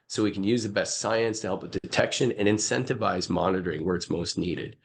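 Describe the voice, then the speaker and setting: A man with a croaky voice giving a conference talk, hesitant with many fillers, over a video call. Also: deep voice, a little fast. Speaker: conference speaker.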